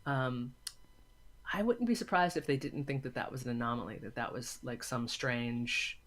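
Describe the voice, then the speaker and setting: An audio drama maker appears as an interview guest, her very deep voice moving at a normal speed. She chats casually and with enthusiasm, often repeating words to stress her points.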